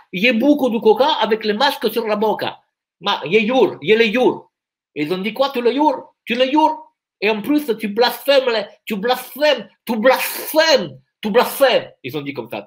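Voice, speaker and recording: A man's voice: high-pitched, full character voice. A man putting on a comic Spanish accent, rattling off nonsense syllables. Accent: Spanish, put on.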